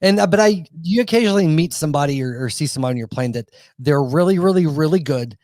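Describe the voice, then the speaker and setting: A man's voice: a little high, lively intonation, fast talker, darkish tone, no room sound. A man hosting a podcast, rambling and swearing casually with lots of restarts and laughs. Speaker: podcast host.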